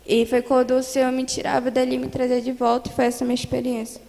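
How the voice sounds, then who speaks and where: A woman's voice: high-pitched, level tone, fast talker, gravelly, a little hiss or hum. A young woman with a Brazilian Portuguese accent, giving an earnest, fervent religious testimony in a church and retelling it in repeated phrases. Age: young adult. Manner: earnest, repetitive storytelling that grows louder and more fervent. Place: church hall. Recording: echoey church hall.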